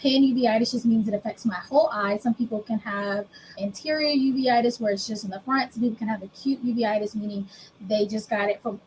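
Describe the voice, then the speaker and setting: In her thirties and from the United States, this woman tells her own story as an interview guest, candid, plain and laughing at herself. Her voice is mid-range with a darkish tone. The audio is poor, with slight background noise.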